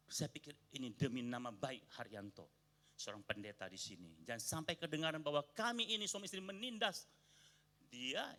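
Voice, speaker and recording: A man's voice: on the high side, pushed and bright. An Indonesian man, a pastor, preaching a sermon and telling a personal story, acting out quoted arguments with rising emphasis. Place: church sanctuary.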